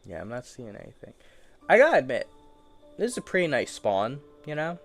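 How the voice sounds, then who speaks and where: Rambling man chatting to himself, lively pitch. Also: brisk, soft background music. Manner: playful, easily amused. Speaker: gaming streamer. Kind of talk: casual solo commentary.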